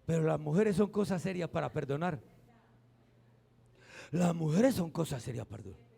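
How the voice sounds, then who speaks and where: A middle-aged man, preaching a sermon as pastor, swinging between loud emphatic peaks and quiet acted-out asides. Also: a little high, lively intonation, moderate pace, creaky, husky.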